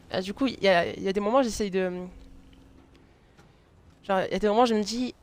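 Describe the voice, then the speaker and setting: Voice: mid-range voice, normal speed. A live streamer chatting casually while playing a game, hesitant, with many fillers and restarts, and laughing often.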